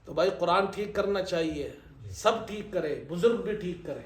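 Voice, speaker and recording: Imam giving a sermon, highish voice, jokey stories, big echoey hall. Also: male voice. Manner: humorous storytelling, slow chanted Arabic recitation. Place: event hall at a ceremony.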